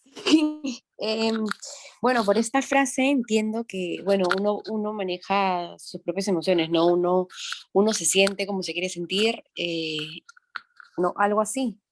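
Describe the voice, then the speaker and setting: A woman with a mid-range voice answers her teacher, pausing and searching for words. A faint hum and keyboard clicks sit behind her. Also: medium pitch. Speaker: student. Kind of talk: answering in an online class.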